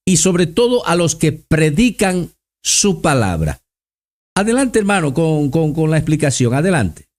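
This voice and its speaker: A man's voice: on the high side, very animated, unhurried, darkish tone. A man hosting a religious interview program, courteous and often repeating his phrases.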